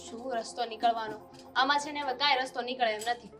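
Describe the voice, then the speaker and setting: A woman's voice: on the high side, fairly even intonation, quick pace, pushed and bright, faint music behind. A woman acting a young sister-in-law plotting in a family drama. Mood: scheming.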